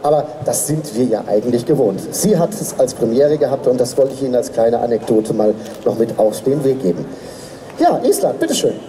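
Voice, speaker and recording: Chatty male stage host, dark voice. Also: mid-range voice, very animated, a little fast, slight background noise. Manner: chatty, anecdotal, audience-rousing. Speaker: pageant host. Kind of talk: stage hosting. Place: outdoor stage. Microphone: handheld mic.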